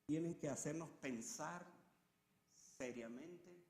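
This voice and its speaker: A male preacher delivers a sermon with high, ringing tones, surging into loud climaxes and then sinking into hushed repetitions. His voice echoes around the church sanctuary. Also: slow.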